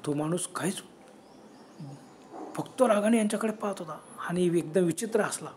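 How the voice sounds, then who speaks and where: A man's voice: sits high, moderate pace, a little mellow, slight background noise. A man narrating a horror story dramatically, dropping into whispers at the scary moments.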